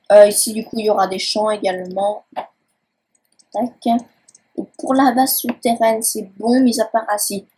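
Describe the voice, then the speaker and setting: Young woman with a breathy voice showing off her game base, lots of ums, just rambling along. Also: medium pitch, warm tone, poor audio. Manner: rambling, hesitant, many fillers. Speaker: gaming channel host. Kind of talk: casual game-tour commentary. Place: at home by a laptop.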